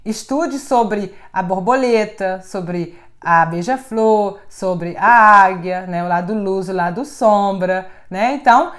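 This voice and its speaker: A woman's voice: medium pitch, slow, few pauses. A woman hosting a live stream as a spiritual teacher, chatting casually, laughing often and talking to viewers by name, recorded on a phone.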